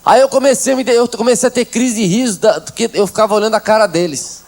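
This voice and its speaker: A man in his thirties giving a humorous church testimony, telling his story with animated comic quotes of the people in it. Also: high voice, quick pace, vocal fry, a little hiss or hum. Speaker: testimony speaker. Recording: 1990s.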